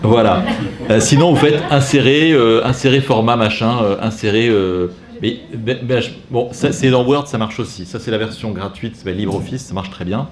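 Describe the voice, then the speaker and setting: Demonstrating something on a computer, a man speaks at normal speed in a medium-pitched voice while training catechists in a casual, wandering way, poking fun at himself along the way. Crowd noise and faint ambience fill the echoey room.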